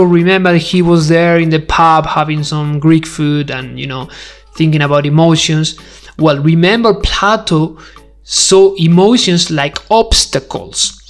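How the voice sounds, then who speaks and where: A man from Spain hosts a podcast with a Spanish accent, delivering a conversational, educational monologue. He speaks emphatically in a slightly high voice and fires rhetorical questions straight at the listener.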